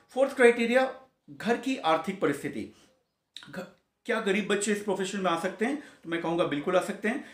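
Earnest man in his forties, echoey room. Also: sits high. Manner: earnest, mixes English terms, frequent "theek hai" and pauses. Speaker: pediatric consultant giving career advice. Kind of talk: casual advice talk to camera.

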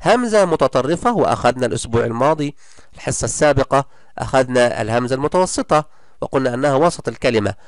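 A man teaching a primary school class in a recorded lesson, encouraging and praising his pupils often and drawing out example words slowly. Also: mid-range voice, dry recording, clean studio sound.

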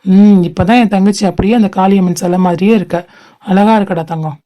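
A woman's voice: medium pitch, steady tone, a little fast, natural voice. A woman doing a doting, bossy big brother. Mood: teasing. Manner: warm, teasing, bossy. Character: affectionate protective older brother.

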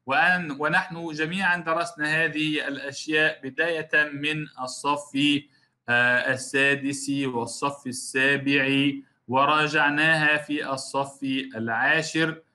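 Bright-voiced man teaching recitation rules. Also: fairly high pitch, steady tone. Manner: explains step by step, repeats key terms, demonstrates recitation slowly; addresses students directly as a class. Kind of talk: recorded classroom lesson.

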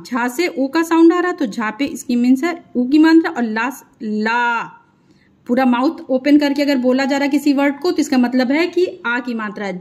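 A woman teaching children to read Hindi, drawing out each syllable and checking in with "okay" after each one. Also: sits high. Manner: drawn-out syllables, repeats each sound, frequent "thik hai". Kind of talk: slow spelling lesson, dictating sounds.

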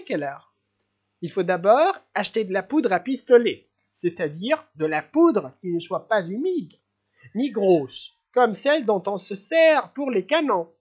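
An audiobook reader voicing a giddy young male prince who rambles, laughs and stumbles over words in excitement. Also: medium pitch, highs cut off, pitched above the performer's own voice.

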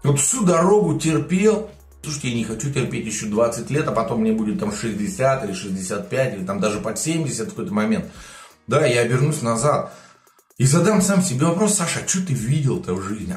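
Speaking from a plant-filled home studio, a man in his forties who makes political videos gets emotional and indignant as he addresses the camera, gesturing often. His mid-range voice is slightly mellow and echoes in the room.

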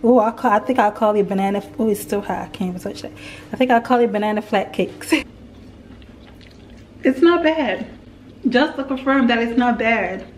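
Young mom chatting casually at home. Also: female voice, fast talker, far from the mic, a little hiss or hum. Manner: chatty, talks softly and low at times. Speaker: vlogger, single mom. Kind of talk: casual home vlog narration. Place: home, indoors.

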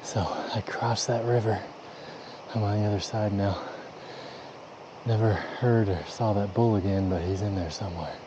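Breathless low-voiced man whispering outdoors. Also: fairly even intonation, normal speed, highs cut off. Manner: often whispering to avoid spooking game. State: out of breath from hiking. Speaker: hunter filming a scouting trip. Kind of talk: hushed hiking vlog narration. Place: outdoors in mountain terrain. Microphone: camera mic carried while hiking. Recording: loud wind and outdoor noise on camera mic. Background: loud outdoor ambience.

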